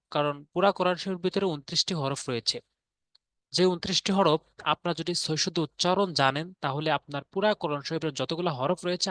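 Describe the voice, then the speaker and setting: A man teaching Arabic letter pronunciation in a patient, repetitive tutorial, often pausing on fillers. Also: a little high, fairly bright tone, no echo, studio quality. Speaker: Quran reading teacher. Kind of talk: spoken tutorial lesson.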